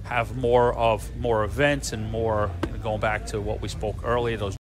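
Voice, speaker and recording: A man's voice: on the low side, level tone, moderate pace, music in the background. A man giving live sports commentary on a darts match.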